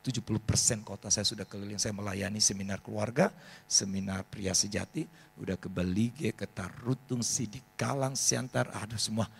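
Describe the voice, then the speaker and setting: A man, preaching a sermon as pastor and telling animated stories. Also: on the low side, moderate pace, creaky, breathy edge. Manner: animated storytelling, acts out voices of people in his stories.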